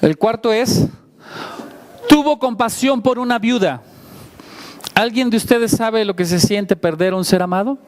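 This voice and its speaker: High-voiced man preaching conversationally. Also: unhurried, long pauses. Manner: conversational preaching with frequent rhetorical questions; self-deprecating asides. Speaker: pastor. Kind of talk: sermon.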